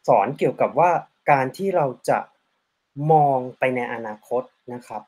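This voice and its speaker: A man's voice: mid-range voice, lively intonation, moderate pace, darkish tone. Polite male interviewer translating for a guest. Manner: polite, summarizes the guest's answers and adds frequent polite particles.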